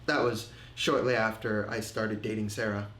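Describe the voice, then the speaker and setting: A man playing a haunted, halting griever in a roomy space. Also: lowish voice, steady tone, fairly bright tone, a little hiss or hum, natural voice. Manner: halting, repeats words, trails off. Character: grieving middle-aged man, haunted, hesitant. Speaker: man recounting family tragedy. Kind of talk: film monologue. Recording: roomy echo with faint ambience.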